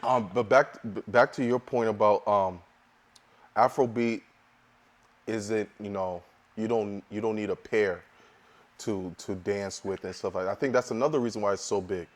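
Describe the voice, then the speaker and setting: Low-voiced man co-hosting a podcast. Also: moderate pace. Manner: relaxed, rambling, storytelling. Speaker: podcast co-host and DJ. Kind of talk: casual podcast chat.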